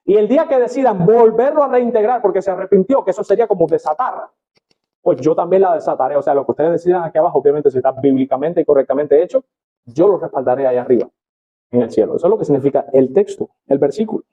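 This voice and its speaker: A man preaching a sermon in Spanish as a pastor, reading scripture aloud with expressive rises and falls and addressing the congregation as brothers. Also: on the high side, fast talker, dull audio.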